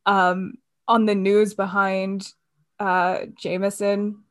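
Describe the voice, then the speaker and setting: A woman's voice: mid-range voice, little pitch movement, takes it slowly. A woman in casual conversation about a film, chatty and loose, with many fillers and restarts.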